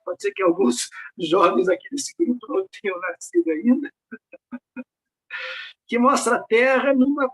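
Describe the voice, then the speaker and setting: His voice is very high and somewhat bright. An older man invited to address a research network meeting, he presents an academic talk over slides on a video call, thinking things through and often asking rhetorical questions.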